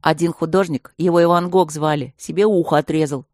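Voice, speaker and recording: A woman's voice: low-pitched, fairly even intonation, fairly quick, a little mellow, no echo, studio quality. A woman voicing a loyal schoolboy who explains things in a matter-of-fact way. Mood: explaining. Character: loyal knowing schoolboy friend.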